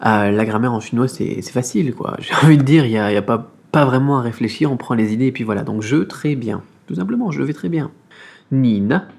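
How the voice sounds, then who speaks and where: Husky-voiced guy doing a chill beginner language lesson, talks it through with lots of "euh", repeats the sounds slow. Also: medium pitch, darkish tone. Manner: friendly explaining, repeats sounds slowly, many fillers. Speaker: Mandarin teacher. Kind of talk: casual video lesson.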